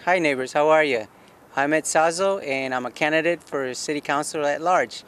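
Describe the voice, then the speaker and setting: A man's voice: a little high, normal speed, a bit bright, smooth. Forties man from Guatemala, earnest local candidate with a slightly raised voice who asks and answers his own questions. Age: 40s. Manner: earnest, asks himself questions and answers them, frequent restarts. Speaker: city council candidate. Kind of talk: campaign statement to camera. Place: outdoor rooftop deck in a city.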